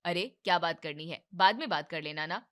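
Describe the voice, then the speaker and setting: The young husband in this cartoon family drama is played by a woman with a brisk, natural voice. He is evasive and soothing, using a soft, lower, placating tone to pacify his wife and mother.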